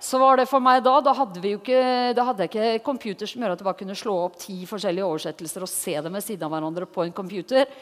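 A woman giving a lively, conversational Bible teaching, often putting questions to her listeners. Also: medium pitch, hardly any pauses, long reverb tail.

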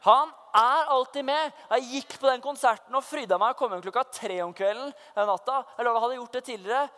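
A young man with a high-pitched voice preaches a personal testimony as a church youth leader. He speaks fervently, dropping to hushed asides and then rising into loud proclamation. The voice carries a long reverb from a large church hall. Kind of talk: sermon testimony.

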